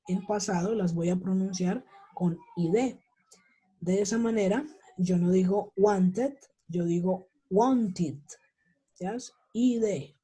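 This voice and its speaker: Slow, husky-voiced teacher. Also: male voice, high voice, dark tone. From Colombia. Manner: checks in with "¿sí?" and "¿ok?" constantly, drills example words slowly. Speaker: English teacher. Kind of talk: online class explanation. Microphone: video call.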